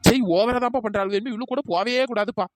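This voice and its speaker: Quick-tongued, high-pitched, fiery cartoon village woman, woman voice actor. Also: steady tone, dry recording, studio quality, close to an everyday voice. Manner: loud, abusive, argumentative. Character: hot-tempered quarrelsome village woman. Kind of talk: cartoon voice acting.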